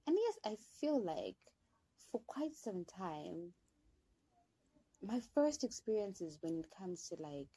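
A woman's voice: fairly low pitch, dark tone, breathy edge, no room sound, rough recording. A young woman from Zimbabwe hosting a podcast, telling a personal story in a candid, chatty way and speaking straight to her listeners. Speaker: podcast host. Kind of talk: casual storytelling.

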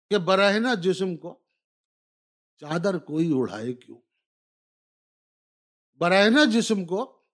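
A man with a high voice recites humorous, satirical poetry in the mushaira style. He declaims in measured phrases, repeating lines as refrains. Between verses he slips into spoken asides to his listeners. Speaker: humorous Urdu poet performing at a poetry gathering.

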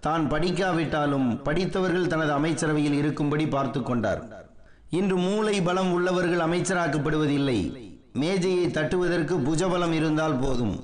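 A man's voice: a little high, normal speed, echoey room. A man reading a scripted narration of political history as the narrator of a column.

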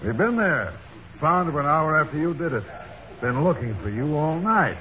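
A man playing a brisk, hard-boiled police desk sergeant in an old radio drama. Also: a little high, big pitch swings. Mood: needling. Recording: dull, slightly noisy old radio recording.

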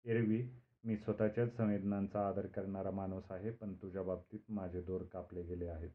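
A man's voice: sits low, little pitch movement, moderate pace, natural voice. A man voicing the narrator's impulsive, carefree young friend, who answers in an offhand, evasive way. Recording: narrow phone-like band.

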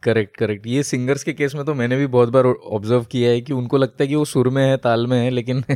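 A man's voice: medium pitch, fairly even intonation, a little fast, darkish tone, smooth, no room sound, studio quality. A man co-hosting a casual podcast, explaining at length with many fillers and English phrases mixed in. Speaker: podcast co-host. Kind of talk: casual chat.

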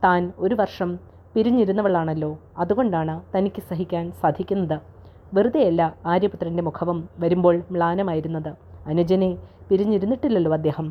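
A woman voicing a gentle noble queen in a calm, measured storybook reading, on a dull lo-fi recording. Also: fairly low pitch, lightly acted. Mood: gently teasing.

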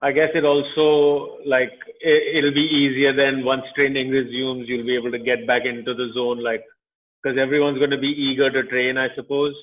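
A man's voice: mid-range voice, little pitch movement, normal speed, slight background noise. A man with an Indian accent hosting a casual podcast interview in informal, friendly slang. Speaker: podcast host interviewing a guest. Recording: thin phone-like call audio.

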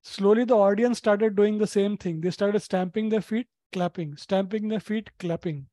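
A man's voice: sits high, moderate pace, dark tone, no room sound. A man chatting casually as a speaker on a panel. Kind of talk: casual chat.

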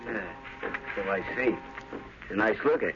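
Man acting a low-voiced, domineering gangster, muffled recording. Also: normal speed, loud music behind the voice, natural voice. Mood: cold, dismissive. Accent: American. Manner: commanding, dismissive. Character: cold, domineering male gang boss's lieutenant. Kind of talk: 1930s radio crime drama acting. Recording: dull, noisy old radio recording.

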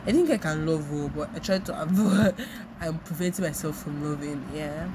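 Speaking at normal speed in a deep voice, a young Nigerian woman with a Nigerian accent delivers a rambling, reflective solo podcast monologue, casual in tone and often repetitive. There's background noise.

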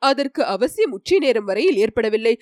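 A woman narrates a storybook in an even, clear, steady read. Her voice sits on the higher side, and the recording is dry and close with no room echo. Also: moderate pace. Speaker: audiobook narrator.

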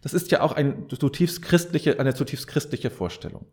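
A podcast host with a fairly high, darkish voice delivers a reflective advice monologue at a moderate pace. He addresses the listener directly, earnest and preacher-like, repeating key phrases for emphasis.

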